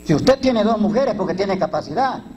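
A man's voice: high voice, lively intonation, moderate pace, a little mellow, a little hiss or hum, low-quality recording. A man with a Mexican Spanish accent, a priest giving an informal talk to a twelve-step recovery group, blunt and coarse, full of slang, jokes and rhetorical questions.

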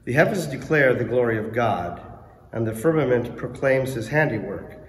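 A man reading the scripture and psalm at Mass as lector, with a steady, clear delivery in the long echo of a large church. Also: mid-range voice, moderate pace, a little hiss or hum. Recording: echoey church hall, faint ambience.

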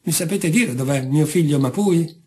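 A man's voice: on the high side, normal speed, a little mellow, breathy edge. A man voicing a weary, plaintive old island mother in a read-aloud story.

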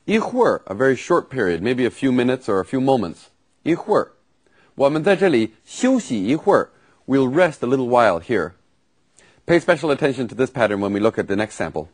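A man's voice: medium pitch, sing-song, brisk, husky. A man teaching vocabulary and grammar in a lesson, explaining patiently with examples. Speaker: language teacher.

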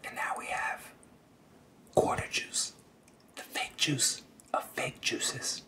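A young man whispering, deadpan, as the host of a comedic ASMR parody. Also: slow pace. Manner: soft breathy whisper, deadpan. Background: plucked guitar music.

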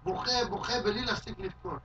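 A man, a rabbi, giving a Talmud lesson in a study hall, telling stories in an animated way and acting out quoted shouts and cries. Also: sits high, noisy background. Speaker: rabbi teaching a class. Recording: distant, dull lo-fi hall recording.

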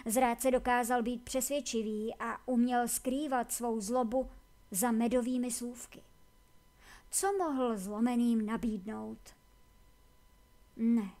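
High-voiced woman reading a novel. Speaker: audiobook reader. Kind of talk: scripted narration.

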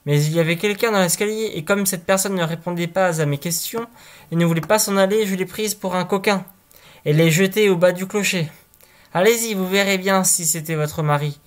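A man's voice: high-pitched, a little fast, pitched above the performer's own voice, natural voice. A man reading a fairy tale aloud, voicing a simple-minded young man who cannot feel fear, with a naive and puzzled manner. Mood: earnest.

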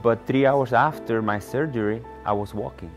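Soft background music plays as a middle-aged cancer patient from the Dominican Republic gives his testimonial in a promotional documentary. A native Spanish speaker with a Dominican Spanish accent, he talks at a moderate pace in a mid-range voice.

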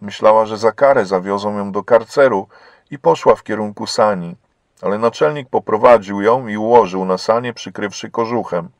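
A man reading a religious story aloud in a steady, earnest audiobook narration, close to the mic. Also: on the low side, normal speed, dry recording.

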